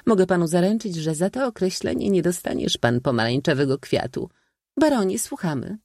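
Man putting on a shrill, theatrical old maid aunt. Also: sing-song, fairly quick, creaky, a little mellow, dry recording, clean studio sound, heavily acted. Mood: teasing. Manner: shrill, teasing and declamatory. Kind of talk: audiobook reading.

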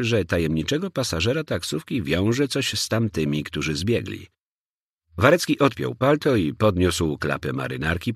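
A man narrating a crime novel in an expressive, dramatic storytelling manner. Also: sits low, slightly rough, dry recording, clean studio sound. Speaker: audiobook narrator.

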